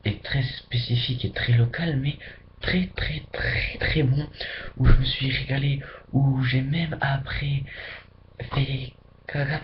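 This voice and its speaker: A man from France chatting casually into his webcam, rambling and dropping into whispers for emphasis. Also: mid-range voice. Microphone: webcam mic. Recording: dull lo-fi webcam audio with faint hiss.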